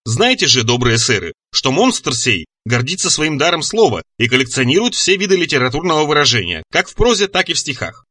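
A man's voice: a little high, very animated, brisk, few pauses, bright, forceful tone, dry recording, clean studio sound, distant mic, heavily acted. A man voicing a spirited young huntress. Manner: old-fashioned, spirited. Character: bold young huntress maiden, archaic speech.

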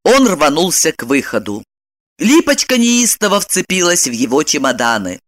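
A woman narrating an audiobook in a lively, emotional storytelling manner. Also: low-pitched, normal speed, dry recording, clean studio sound.

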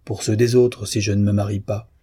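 A man voicing a calm, matter-of-fact young friend in a storybook reading. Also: fairly low pitch, fairly quick, husky. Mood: wry.

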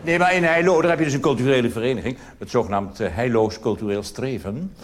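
This fast-talking Dutchman with a mid-range voice performs cabaret comedy before a theatre audience, chatting loosely with asides and tag questions. Crowd noise fills the noisy, aged live recording.

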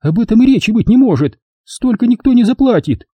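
A man's voice: very high voice, sing-song, brisk, slightly rough, no room sound, lo-fi sound, pitched above the performer's own voice, heavily acted. A man voicing a prim, calculating elderly lady who speaks in a commanding tone. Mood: indignant.

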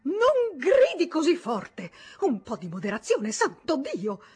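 Lady reading as a thin shrill worried merchant guy, breathy too. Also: a little slow. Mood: pleading. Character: weak, shrill, desperate male merchant.

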